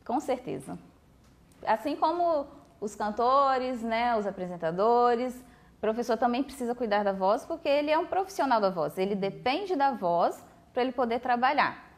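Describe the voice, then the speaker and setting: On a TV talk show in a studio, a Brazilian Portuguese-accented speech therapist patiently explains voice care, leaning on fillers like "né" and "tá." Her voice is a little high and animated, moving at a moderate pace.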